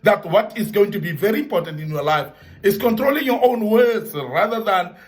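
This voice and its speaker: High-pitched guy giving an earnest pep talk to young men, repeats stuff for emphasis. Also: animated, normal speed. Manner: earnest, repetitive emphasis, Bible references. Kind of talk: motivational talk.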